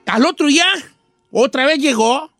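High, bright-voiced Mexican man telling jokes. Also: moderate pace, dry recording, soft background music. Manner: folksy, chatty, full of slang and asides to the audience. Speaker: radio show host. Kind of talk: joke storytelling on morning radio.

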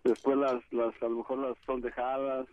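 A man's voice: mid-range voice, level tone, moderate pace, a little mellow. A man calling into a radio show, giving a rambling, emphatic opinion and repeatedly addressing the host. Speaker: radio caller. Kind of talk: call-in opinion. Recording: tinny phone line.

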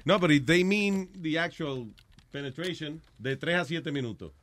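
A man's voice: on the high side, moderate pace, a bit bright. A man with a Caribbean Spanish accent hosting a bantering comedy talk, switching between Spanish and English as he reads out a list. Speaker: host.

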